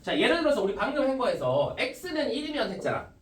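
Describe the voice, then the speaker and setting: A man's voice: extremely high pitch, sing-song, brisk. A male math teacher giving a classroom lecture, explaining step by step and opening nearly every phrase with a short "ja". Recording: echoey classroom, mic from a distance.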